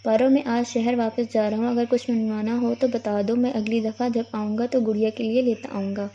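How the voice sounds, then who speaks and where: A woman's voice: on the high side, flat delivery, slight background noise, lightly acted. A woman reading the lines of an affectionate young man who dotes on his little sister, on a dull lo-fi recording. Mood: gentle. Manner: gentle, affectionate. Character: affectionate young man, doting older brother.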